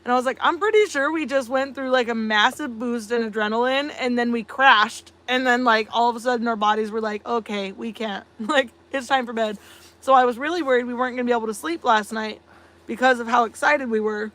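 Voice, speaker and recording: A woman's voice: fairly high pitch, fairly quick, fairly bright tone. A woman co-hosting a casual live stream, chatty and laughing often as she tells long stories full of fillers. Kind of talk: casual chat.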